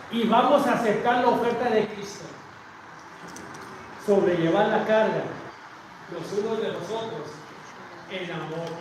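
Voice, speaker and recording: A man with a Mexican Spanish accent preaching a sermon as pastor, swinging between loud declarations and hushed asides, often calling out to his congregation. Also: sits high. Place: large church sanctuary with a balcony. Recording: very echoey church from far off, noisy.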